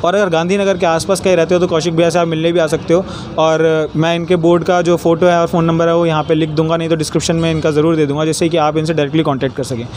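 A man's voice: a little high, flat delivery, fast, darkish tone. A young man in his twenties hosting a casual vlog, walking viewers through car parts step by step with some hesitation. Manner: hesitant, pointing things out step by step. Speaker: channel host explaining car mechanics. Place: outdoor garage workshop. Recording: street and vehicle noise behind.

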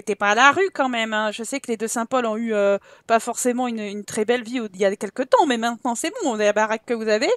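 French-accented female gameplay host, high-pitched, exasperated teasing commentary, dry recording. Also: no echo. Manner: scolding her game characters, exasperated and teasing. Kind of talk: casual let's-play commentary.

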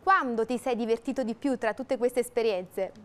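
A woman in her thirties presents in a television studio. Her voice is crisp, resonant and a little high. She delivers prepared interview questions as a morning host. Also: normal speed.

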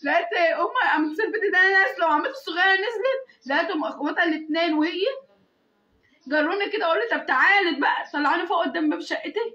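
A young woman with an Egyptian accent tells her story through tears, distressed and pleading, swearing oaths again and again. Her voice is very high and bright, and she rushes her words. The sound is muffled and echoey. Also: animated. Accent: Egyptian Arabic. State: crying. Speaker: woman recounting an assault. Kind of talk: tearful testimony.

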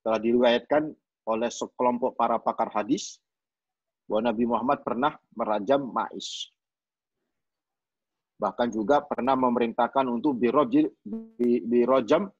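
A man's voice: mid-range voice, darkish tone, breathy edge, dry recording. A man with an East Javanese accent giving a hadith study lecture, talking conversationally, repeating key phrases and often turning to his listeners. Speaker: religious teacher. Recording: dull lo-fi recording.

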